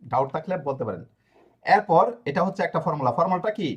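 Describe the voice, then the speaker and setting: A man's voice: fairly high pitch, animated, slightly rough. A man teaching a grammar lesson to a class, explaining step by step and often asking if students follow. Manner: explanatory, checks understanding with frequent questions; spells out verb endings slowly. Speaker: language teacher.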